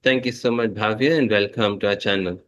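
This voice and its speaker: A man's voice: fairly low pitch, fairly even intonation, brisk, a bit bright, muffled recording. A man hosting an interview, asking formal questions and adding brief affirmations. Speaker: interview host.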